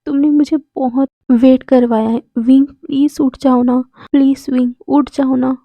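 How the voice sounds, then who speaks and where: A woman's voice: high voice, fairly even intonation, a little slow, no echo. A woman reading the lines of a desperate, lovesick young man, pleading and repeating his partner's name, in a dull, dry recording.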